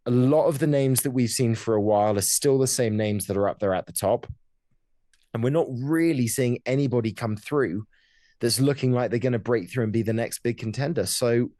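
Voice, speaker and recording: Man, mid-pitched voice, podcast host, casual sports commentary, dry room-free sound. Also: mellow, no room sound.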